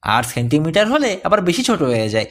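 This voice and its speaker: A man's voice: fairly high pitch, very animated, brisk. A man narrating an adventure story, reading every character's lines in his own voice. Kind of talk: scripted audiobook narration.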